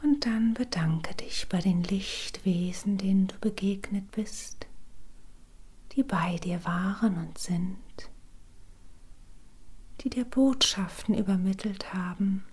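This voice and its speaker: A woman whispering a guided meditation in slow, soothing, drawn-out phrases. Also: medium pitch, a little mellow, slightly rough.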